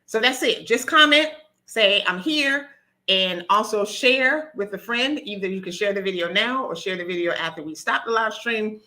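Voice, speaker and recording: A woman's voice: mid-range voice, normal speed, sharp tone. A woman nurse practitioner hosting a live stream, nervous and talkative, with frequent ums and restarts.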